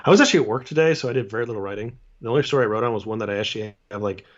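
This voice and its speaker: A man's voice: fairly low pitch, racing, highs cut off. A man co-hosting a casual livestream, joking and laughing often, stumbling over repeated words. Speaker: podcast co-host.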